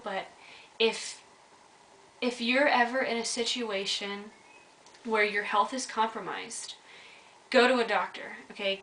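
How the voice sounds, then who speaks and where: A woman's voice: medium pitch, fairly bright tone, distant mic. A young woman telling her own story in a vlog, earnest and candid, speaking straight to her viewers. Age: young adult. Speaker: vlogger. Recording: echoey room, mic set back, faint hiss.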